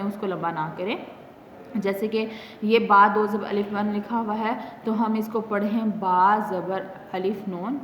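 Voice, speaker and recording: A woman with a Pakistani Urdu accent teaching a Quran reading lesson. She explains patiently with many fillers, then drills each letter and its sound slowly. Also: medium pitch, slight background noise. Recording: echoey, dull lo-fi classroom recording.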